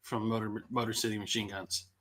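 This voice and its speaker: A man's voice: fairly low pitch, flat delivery, a bit bright. A man co-hosting a podcast, chiming in with short joking remarks. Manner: quick joking interjections. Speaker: podcast co-host. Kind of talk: casual chat.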